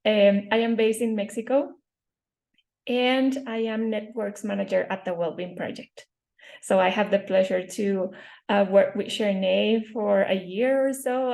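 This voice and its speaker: A woman's voice: mid-range voice, steady tone, unhurried, gravelly, darkish tone. Woman from Venezuela introducing herself. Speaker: networks manager. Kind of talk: self-introduction on a video call.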